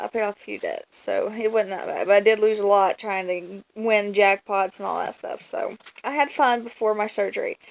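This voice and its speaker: An American woman telling a personal story in a casual, folksy vlog style, chatty and animated as she quotes herself and leans on words for emphasis. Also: mid-range voice, creaky, poor audio. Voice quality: colloquial, folksy speech. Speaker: vlogger.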